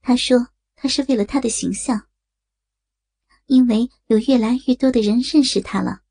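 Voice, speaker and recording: A woman reads an erotic audio story aloud in a steady, even storytelling manner. Her voice is high yet mellow and a little breathy. The sound is close and dry, with no room around it. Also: moderate pace, no echo. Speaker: narrator.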